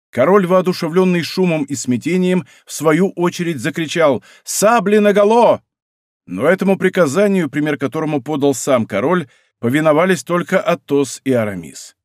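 A man narrating a historical adventure audiobook in an expressive, theatrical way. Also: fairly high pitch, no echo, studio quality.

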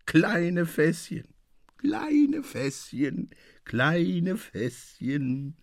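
A happy, dazed young fisherman, so drunk his words drag slow and drift into a little singsong, as a man puts him on for a radio story. The voice rises a touch above a plain reading voice, dry and close to the mic. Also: medium pitch, lively intonation, no echo. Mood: drunk, blissful.

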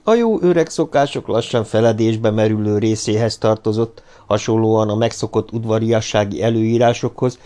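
A man narrating a novel as an audiobook reader, in a measured, even reading. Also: lowish voice. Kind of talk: scripted narration.

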